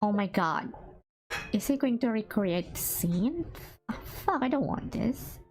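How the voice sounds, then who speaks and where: Slow-talking casual woman streamer. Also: medium pitch, lively intonation, a little mellow, soft background music. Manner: casual, blunt, swears and laughs, talks to chat. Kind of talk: live game stream reading and commentary.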